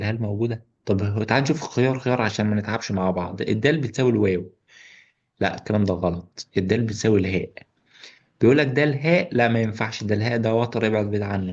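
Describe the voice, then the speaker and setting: A man's voice: fairly low pitch, darkish tone, highs cut off. A male math teacher with an Egyptian accent, walking through an exam's solutions with joking asides to students. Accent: Egyptian Arabic. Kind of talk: exam solution walkthrough.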